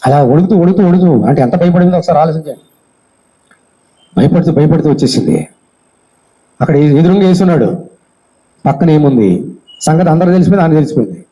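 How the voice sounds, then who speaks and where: A man's voice: fairly high pitch, expressive, quick pace, pauses often, mellow, low-quality recording. A male pastor giving a sermon, often asking the congregation questions and acting out the voices of Bible figures. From India.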